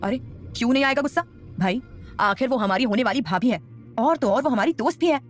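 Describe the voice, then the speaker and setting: A woman's voice: fairly high pitch, brisk, soft background music. A woman voicing a brash, hot-headed young man, a loyal friend, in an audio drama. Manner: brash, excitable.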